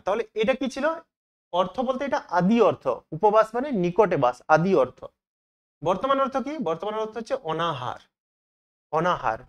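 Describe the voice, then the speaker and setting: A man teaching as he works through exam questions, asking each question aloud and then answering it himself. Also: high voice. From Bengal.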